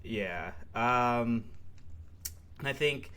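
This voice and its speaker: A man's voice: mid-range voice, very slow, a bit bright, clean tone. A young man co-hosting a sports podcast, chatting casually and rambling with lots of fillers and laughs. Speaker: podcast co-host.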